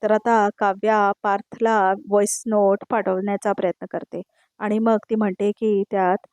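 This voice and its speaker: A woman's voice: mid-range voice, level tone, moderate pace, a little mellow, no room sound. Woman doing a chatty episode recap voice-over, dry close sound, keeps saying who said what. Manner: conversational, repeats "now she says" tags between quoted lines. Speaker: TV serial episode recap narrator.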